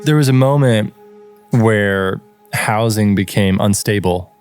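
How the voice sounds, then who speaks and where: A man interviewing a guest, asking questions in a gentle, inviting way. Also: lowish voice, takes it slowly, faint music behind.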